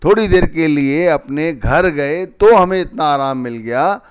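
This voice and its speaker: A man's voice: fairly high pitch, measured pace, clear, resonant tone, dry recording. A man giving a devotional discourse as a spiritual teacher, patiently explaining scripture like a wise mentor.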